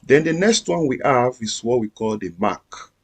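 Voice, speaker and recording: A man's voice: medium pitch, animated, normal speed, slightly rough. A man teaching a screen-recorded coding lesson, explaining each step patiently and repeating himself. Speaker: coding instructor.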